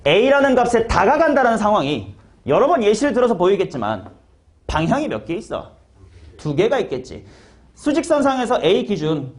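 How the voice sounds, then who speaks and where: Man, math teacher, classroom lecture, high voice, animated pitch, casual and slangy, quizzes students.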